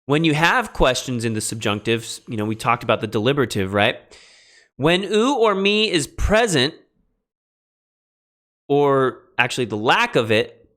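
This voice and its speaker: Animated man lecturing on Greek grammar. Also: mid-range voice. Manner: animated, emphatic teacher with quick asides. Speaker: Greek instructor. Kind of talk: recorded classroom lecture.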